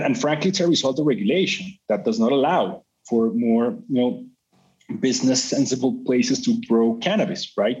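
Middle-aged executive from Colombia, rambling interview answers heavy on fillers, mid-pitched, dull-sounding recording. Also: male voice, a little mellow. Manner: talkative, full of "you know" fillers and restarts. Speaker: company CEO. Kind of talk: business interview. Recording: slightly muffled sound.

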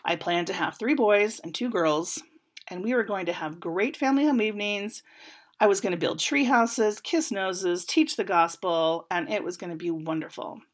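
A woman's voice: mid-range voice, normal speed. Candid reflective woman in her forties. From United States. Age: 40s. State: slightly congested from a cold. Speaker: podcast panelist. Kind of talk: personal reflection.

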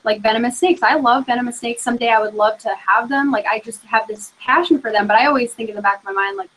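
Chatty female podcast co-host, slightly high voice, loose filler-heavy talk. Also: a bit bright, low-quality recording. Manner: chatty, fast, full of fillers like "you know". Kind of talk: casual chat.

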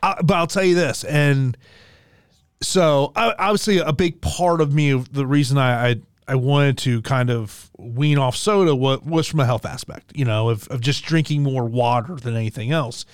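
A man in his forties co-hosting a podcast, chatting in a chummy, animated way and often repeating himself. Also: medium pitch, moderate pace, clear, resonant tone, dry recording, studio quality. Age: 40s. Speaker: podcast co-host. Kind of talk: casual sports chat.

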